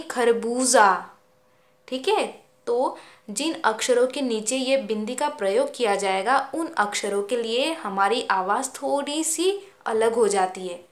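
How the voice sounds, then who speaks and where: A woman schoolteacher patiently teaching young children, stretching out each word slowly for them to repeat. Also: a little high. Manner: slow, drawn-out word-by-word pronunciation drills; patient, explaining and asking children questions. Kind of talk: Hindi phonics lesson for young children. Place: school classroom. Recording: echoey room.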